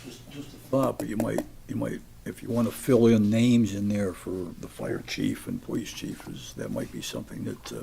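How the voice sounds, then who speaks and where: A man making informal remarks at a meeting, halting and repeating words as he makes tentative suggestions. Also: fairly low pitch, lively intonation, vocal fry, warm tone. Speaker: commission member. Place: public meeting room. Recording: noisy meeting recording with clicks.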